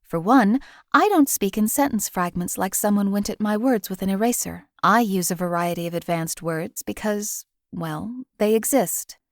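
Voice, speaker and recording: These are companion voice lines for a game, spoken by a woman playing a cold, exacting assassin who was once enslaved and who belittles people with dry, sardonic disdain. She talks at normal speed and medium pitch in a natural voice, and the studio sound is dead, close, and echo-free.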